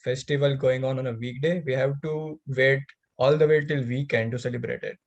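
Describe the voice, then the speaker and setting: A man's voice: medium pitch, a little fast, gravelly, muffled recording. A young man from India co-hosting a student podcast, talking casually with many likes and you-knows. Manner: animated, lots of "like" and "you know". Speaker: podcast co-host, student club outreach lead.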